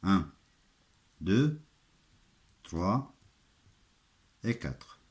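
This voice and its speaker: An Italian man speaking French with a foreign, Italian accent, giving a halting, step-by-step hands-on craft demonstration in simple, repeated phrases. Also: low voice, sing-song. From Italy. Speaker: armourer giving a craft tutorial.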